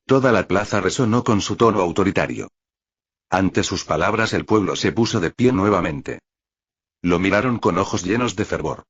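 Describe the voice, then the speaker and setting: Deep husky male audiobook narrator. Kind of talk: scripted narration of a light novel. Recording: dull lo-fi recording.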